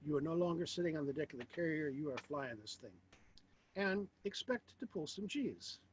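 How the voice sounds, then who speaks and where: A man giving an informal philosophy lecture, speaking in a halting, reflective way with rhetorical questions. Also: on the high side, animated, slight background noise.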